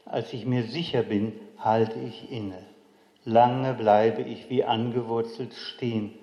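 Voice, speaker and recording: A man's voice: medium pitch, fairly even intonation, slow pace, mellow. An older man tells a childhood memory in a solemn, reflective way. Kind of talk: memoir storytelling. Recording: dull, echoey hall recording.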